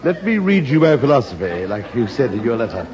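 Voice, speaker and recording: An actor playing a pompous, patronizing older thespian with declamatory delivery in 1950s radio comedy. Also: male voice, mid-range voice, very animated, a little fast, crowd noise, lightly acted. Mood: insistent. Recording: muffled, very noisy old radio recording.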